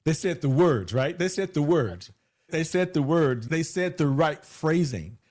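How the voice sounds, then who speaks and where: In a conversational interview, a male hypnotherapist guest who describes his own voice as big stresses points by repeating phrases emphatically. He sounds fairly high-pitched, animated and a little mellow, keeping a measured pace.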